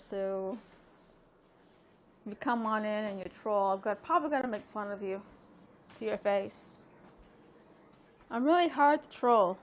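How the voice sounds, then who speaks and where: At home on a live stream, a woman in her late thirties chats casually with a slightly high voice, some background noise audible. She rambles and speaks directly to her viewers, using lots of fillers.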